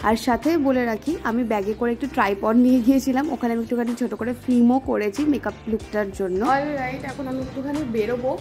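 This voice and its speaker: A young woman chats in a quick, high voice while she does her makeup for the camera. She sounds a little worn out, and music plays underneath her talk. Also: mellow. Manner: chatty, talks while doing her makeup. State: tired. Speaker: vlogger. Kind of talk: casual vlog chat.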